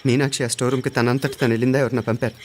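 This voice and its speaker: An actor playing the calm young hero of the house, who questions a servant in sharp, commanding lines. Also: male voice, medium pitch, rapid-fire, natural voice. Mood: probing. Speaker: son-in-law of the house. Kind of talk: film drama acting.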